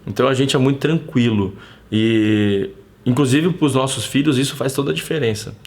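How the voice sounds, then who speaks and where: A man's voice: mid-range voice, moderate pace. Slangy Brazilian man talking casually. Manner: animated, slangy, storytelling with quoted dialogue. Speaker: host of a live stream. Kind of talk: casual live-stream talk. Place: at home.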